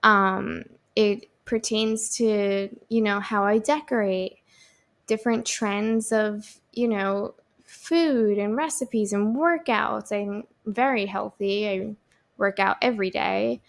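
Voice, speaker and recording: A woman's voice: mid-range voice, fairly even intonation, takes it slowly, creaky. A woman in her thirties hosting her own podcast, chatting alone in an upbeat, rambling way. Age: 30s. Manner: chatty, lots of fillers and restarts, upbeat. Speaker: podcast host. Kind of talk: solo podcast chat.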